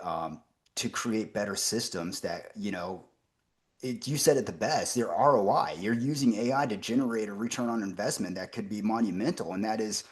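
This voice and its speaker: Upbeat male podcast host. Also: on the low side. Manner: upbeat, enthusiastic with fillers. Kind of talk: conversational interview.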